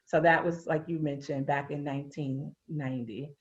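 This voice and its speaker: A woman's voice: low voice, moderate pace. Chatty Brooklyn woman in her fifties, muffled. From Brooklyn, New York. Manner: relaxed, chatty, laughs often, drops into casual slang. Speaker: interview guest, educator. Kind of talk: casual interview chat. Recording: muffled lo-fi audio.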